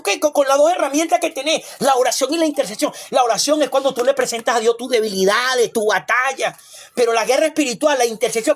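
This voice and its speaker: A man preaching a sermon as a pastor, emphatic and repetitive, with rhetorical questions and asides. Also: very high voice.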